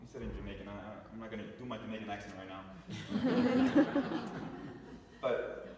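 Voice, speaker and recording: A man's voice: lowish voice, fairly even intonation, very fast, very noisy. A man giving a talk to a congregation, telling a story with restarts and asides to the audience. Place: church hall. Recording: echoey hall, picked up from a distance.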